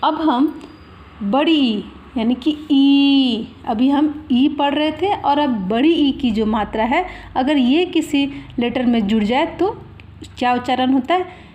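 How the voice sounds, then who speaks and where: Female teacher for a children's lesson, slightly high voice, slow and patient, demonstrates vowels by drawing them out. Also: lo-fi sound. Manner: patient, explains slowly with examples.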